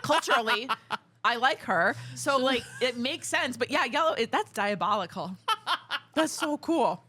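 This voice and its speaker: A young woman co-hosts a podcast in loose, animated chat, swearing freely and breaking into laughter. Her voice sits a bit high and swings widely, with a bright, forceful edge. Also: measured pace. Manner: animated, profane, laughs often. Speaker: podcast co-host. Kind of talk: casual chat.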